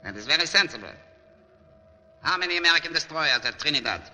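Cold German naval officer, piercingly sharp delivery, clipped formal English, polite menace, old war drama, reverberant hall. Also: male voice, fairly high pitch, expressive, quick pace. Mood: controlled impatience. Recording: muffled old film sound, reverberant hall, hiss.

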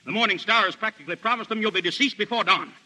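An actor playing a pompous, excitable newspaper boss in 1930s screwball film comedy, raspy and oratorical. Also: male voice, sits high, rapid-fire, heavily acted, low-quality recording. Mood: pleading.

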